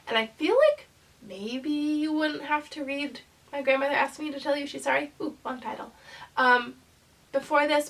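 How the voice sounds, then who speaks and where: A woman's voice: fairly high pitch, creaky, a bit bright, recorded from a distance, rough recording. A young woman with a congested voice from a cold, chatting casually in a rambling way about her book haul as a channel host. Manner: chatty, rambling, many ums and likes.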